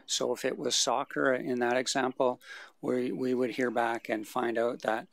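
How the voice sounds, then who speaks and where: A man presenting survey results at a city council meeting, answering questions in a measured, explanatory way through the chair. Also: mid-range voice, flat delivery, creaky, no room sound. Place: council chamber. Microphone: desk microphone.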